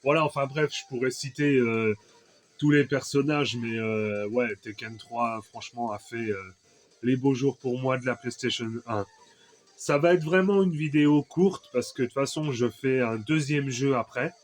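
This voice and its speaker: A man's voice: medium pitch, moderate pace. A French man chatting casually about an old video game, rambling with many fillers and restarts. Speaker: retro game collector vlogger. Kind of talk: casual chat.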